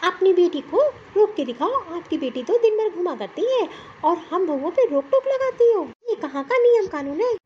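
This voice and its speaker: Woman doing a defiant, high young daughter-in-law. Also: big pitch swings, moderate pace, few pauses, dark tone, dull audio, a little hiss or hum. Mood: indignant. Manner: indignant, protesting. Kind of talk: cartoon story voice acting.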